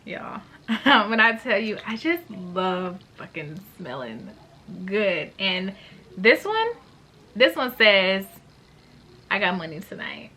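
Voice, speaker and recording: Reviewing perfumes for her vlog, this woman in her late twenties gushes in slang with casual chatter. She speaks slowly in a mid-range voice that's pushed, bright and very animated.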